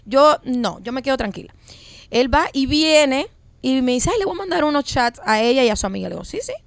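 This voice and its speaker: A woman telling a personal story in a casual group chat, animated and dramatic. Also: high-pitched, a little fast, gravelly, no echo.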